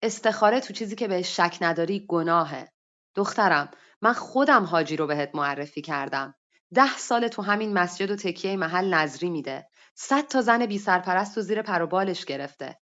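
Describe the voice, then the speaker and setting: A woman's voice: on the low side, lively intonation, fairly bright tone. A woman voicing an older, pious woman who speaks in a firm, admonishing way, in dull lo-fi online audio. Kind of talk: story reading.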